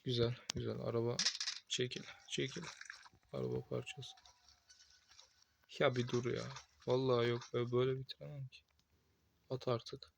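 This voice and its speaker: A young man playing a horror game, talking to himself with excited outbursts and cursing at the game. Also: medium pitch, moderate pace, creaky, pauses often, slight background noise. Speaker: gameplay streamer. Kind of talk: casual gameplay commentary.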